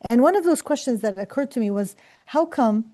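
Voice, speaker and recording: A woman's voice: fairly high pitch, lively intonation, a little fast, dark tone. A middle-aged woman professor from Palestine, speaking earnestly and reflectively to students about career and purpose, with many fillers and restarts. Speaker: professor and scientist.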